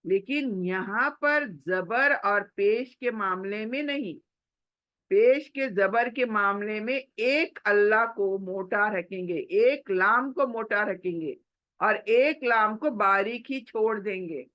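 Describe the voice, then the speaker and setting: A woman teaching Quran recitation, patiently explaining and repeating each word slowly so learners can follow along. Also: medium pitch, fairly bright tone. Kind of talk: spoken lesson with slow recited examples.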